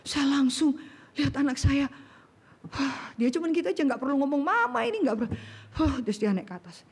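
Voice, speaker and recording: A middle-aged woman preaching a sermon, animated and acting out voices in everyday slang. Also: high voice, a little fast. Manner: animated, acts out voices in colloquial Jakarta slang.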